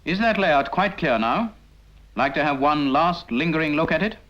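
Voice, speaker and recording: A British man reads the narration of a scripted 1950s military training film, speaking to the trainee in an instructional, didactic way and using rhetorical questions. His voice is slightly high, expressive, at normal speed and fairly bright. The sound is the dull audio of a 1950s film.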